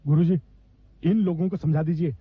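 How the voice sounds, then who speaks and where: A man's voice: on the high side, steady tone, moderate pace, husky, phone-quality sound. An actor playing a stubborn young male troupe actor, sulky and protesting.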